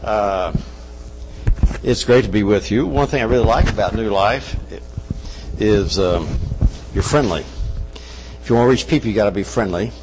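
An older guest missionary, raised in Brazil but with a Kentucky accent, preaches at a church service on a wireless mic. His voice is lowish, normal in speed with long pauses, and the big hall carries background noise. His sermon is folksy, with joking asides.

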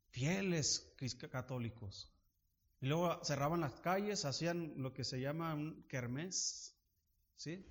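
A man preaching a sermon as a pastor, addressing listeners as brothers and asking frequent rhetorical questions. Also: mid-range voice. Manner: builds to louder emphatic preaching.

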